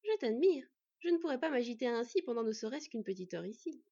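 A woman voicing a calm, wise she-wolf who speaks in a measured, gently wry way, in a storybook reading. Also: on the high side, breathy edge, exaggerated voice. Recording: dull lo-fi recording.

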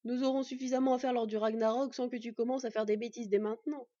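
Woman voicing a kindly one-eyed old god, soft and measured, storybook reading, dark mellow tone, dry lo-fi sound. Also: a little high, steady tone, no echo, close to an everyday voice. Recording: dull lo-fi recording.

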